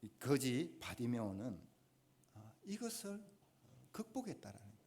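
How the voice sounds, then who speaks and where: A man's voice: medium pitch, very animated, moderate pace. A man preaching a Sunday sermon in a church, with a Gyeongsang accent, building to emphatic exhortation. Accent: Gyeongsang Korean. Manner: emphatic, rising to forceful exhortation. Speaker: pastor. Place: church sanctuary.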